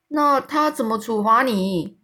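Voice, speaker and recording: Woman voicing a soft-hearted weepy giant. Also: on the high side, measured pace. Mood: gentle. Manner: exclaiming, sighing, tearful.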